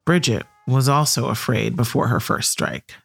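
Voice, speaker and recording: A man narrating a documentary podcast in a measured, scripted storytelling voice. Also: medium pitch, wildly swooping pitch, vocal fry, husky, faint music behind.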